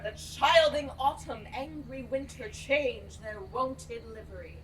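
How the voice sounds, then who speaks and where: A woman's voice: high voice, a bit bright. A woman acting a proud, wrathful fairy queen in verse on stage, with a hammy, declamatory Shakespearean delivery. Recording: distant mic, noisy stage recording.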